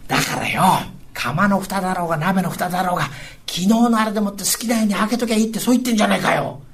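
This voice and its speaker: A male rakugo storyteller playing a gruff, hard-drinking Edo fishmonger husband, with old speech. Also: sits high, racing, a bit bright. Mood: grumpy. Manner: gruff, boisterous, blustering.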